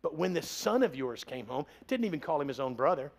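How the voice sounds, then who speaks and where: A man's voice: fairly high pitch, very animated, fairly quick. A man in his forties preaching a sermon as pastor, in a conversational, joking way.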